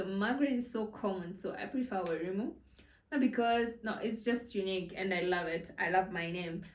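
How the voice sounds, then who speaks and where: A woman in her twenties chats through a storytime vlog, giggling and restarting her sentences as she goes. She sits a little back from the mic, so her voice is distant. The room around her gives it a clear echo. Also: medium pitch. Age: 20s. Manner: chatty, giggly, with many fillers and restarts. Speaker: content creator. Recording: roomy echo, a bit far from the mic.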